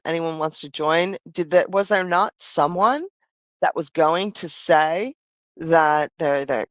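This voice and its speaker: A woman's voice: deep voice, no echo. A woman hosting a casual live stream, chatting in a rambling way and losing her voice. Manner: chatty, rambling, frequent "I mean" and "right?". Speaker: livestream host.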